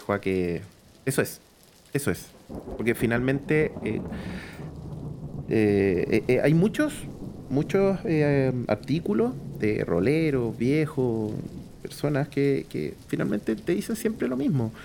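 A man's voice: mid-range voice, very animated, slow, gravelly, noisy background. Hesitant Chilean man, casual chat. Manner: hesitant, many fillers and restarts. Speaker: podcast host discussing tabletop horror games.

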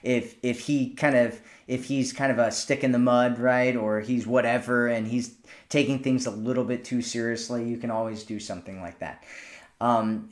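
A man hosting a podcast, giving relaxed dating advice straight to a female listener and often checking in with "right?". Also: mid-range voice. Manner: speaks directly to a female listener. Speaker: podcast host, dating coach. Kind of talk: casual advice monologue.

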